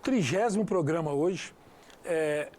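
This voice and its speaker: A man's voice: fairly high pitch, lively intonation, slow pace, darkish tone. A Brazilian man hosting a radio interview, chatty and enthusiastic, often restarting his phrases. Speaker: radio show host.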